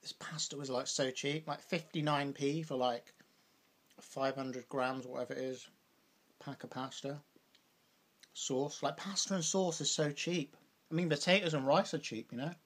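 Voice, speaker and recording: A man's voice: fairly high pitch, fairly even intonation, normal speed, fairly bright tone. A young British man vlogging over a meal, rambling casually with lots of "like" and "you know". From Britain. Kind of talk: casual chat while eating.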